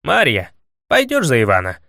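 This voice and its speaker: A man's voice: mid-range voice, huge pitch swings, moderate pace, gravelly, pushed and bright, no room sound, studio quality, full character voice. A man voicing a fickle middle-aged prince who blusters and is easily flustered in an audiobook. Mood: blustering.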